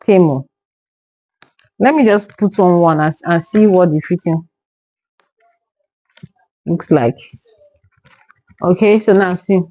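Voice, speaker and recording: A woman's voice: fairly low pitch, takes it slowly, pauses often, warm tone, low-quality recording. A young woman from Nigeria reviewing a haul to camera in casual talk, exasperated and stumbling over repeated words when upset. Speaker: vlogger.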